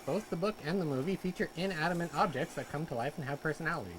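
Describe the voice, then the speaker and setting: A man co-hosting a casual live show, friendly and explaining things quickly. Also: fairly high pitch, a little hiss or hum, low-quality recording. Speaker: co-host. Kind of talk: casual live-stream chat.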